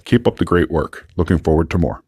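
A man's voice: low-pitched, a little fast, darkish tone, slightly rough, no echo, studio quality. A man leaving a friendly, appreciative voice message for a podcast. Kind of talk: recorded voice message.

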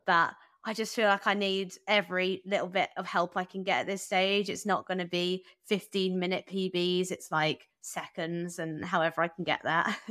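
A young woman talks as a podcast guest in a loose, chatty way, her sentences full of fillers and quick asides. Her voice is bright and forward, and the close mic leaves it dry with no room sound. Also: fairly low pitch, little pitch movement, no echo. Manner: chatty, lots of "like" and "um", laughs easily. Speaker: guest runner. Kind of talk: casual podcast interview.

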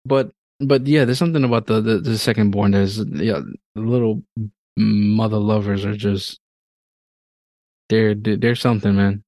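A man in his thirties with a lowish voice, joking and swearing easily as he talks about parenting. He sounds close and dry on the mic, with no room around him. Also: steady tone, measured pace, a little mellow, no echo. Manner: laid-back, profane, laughs often. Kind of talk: casual chat.

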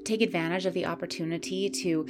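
A woman with a low-set voice leads a yoga class through breath and movement. She speaks in a calm, soothing, gently coaching manner. Instrumental music plays clearly beneath her words. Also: quick pace. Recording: clear music playing behind the voice. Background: soft instrumental music.

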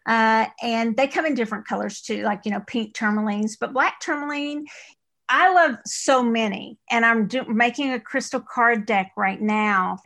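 A woman's voice: fairly high pitch, moderate pace, vocal fry, fairly bright tone. A woman with an East Texas accent, chatting as a podcast guest in a rambling way, with frequent restarts. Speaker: podcast guest, author and crystal store owner. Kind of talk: casual interview chat.

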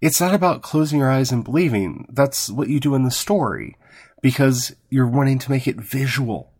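A man giving a gentle, measured devotional talk, pausing often between phrases. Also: medium pitch, expressive, husky, no echo, studio quality.

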